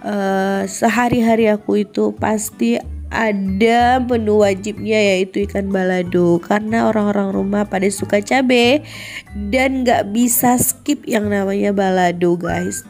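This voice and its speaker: A woman's voice: medium pitch, steady tone, unhurried, a little mellow. A woman with a congested, nasal sound from a head cold, chatting as a friendly home vlogger to fellow mothers. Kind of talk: chatty vlog voice-over narration. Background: music.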